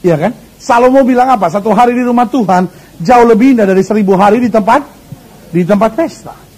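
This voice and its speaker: A man preaching a sermon as pastor, lively and humorous, acting out voices in his stories and getting the congregation to repeat after him. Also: high-pitched, brisk, poor audio. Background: congregation laughing.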